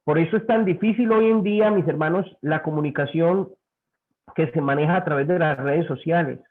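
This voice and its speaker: A male pastor teaches his congregation, telling lively anecdotes and putting on the voices of the people in them. His voice sits a little high for a man. The sound is thin and tinny, as if carried over a phone line. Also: a little fast. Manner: animated storyteller, acts out quoted voices. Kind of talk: sermon-style teaching.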